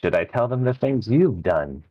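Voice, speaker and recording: A man's voice: mid-range voice, sing-song, moderate pace, muffled recording. A man voicing an obsessive, possessive villain in a tabletop game, menacingly reassuring like a slasher killer. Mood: menacing calm. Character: obsessive otherworldly male villain, possessively promising happiness. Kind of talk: tabletop role-play.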